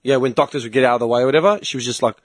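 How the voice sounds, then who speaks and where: A man's voice: medium pitch, very fast, dry recording. Sweary man telling a story. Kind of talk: casual chat.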